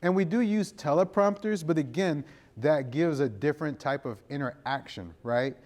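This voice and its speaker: Before a live audience, a middle-aged American creative director and video producer answers interview questions in a conversational, explanatory way, often checking in with "you know" and "right?" His voice is fairly high, slightly mellow, and moderately paced.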